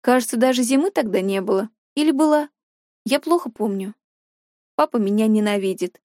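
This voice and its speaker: A woman reading a first-person audiobook in an emotional, expressive way. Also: fairly high pitch, fairly quick, dry recording, clean studio sound. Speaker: audiobook narrator.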